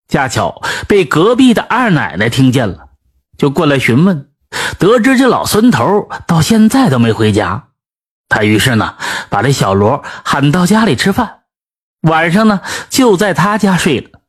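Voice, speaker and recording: A man telling a folk tale in a colloquial storytelling way, with frequent drawn-out fillers. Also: fairly high pitch, slightly rough.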